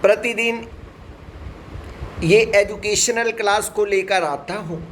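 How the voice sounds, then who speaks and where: Slow high-voiced male English teacher. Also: a bit bright, a little hiss or hum. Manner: slow, deliberate, spells words letter by letter; repeatedly addresses the viewers. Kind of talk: spoken English lesson.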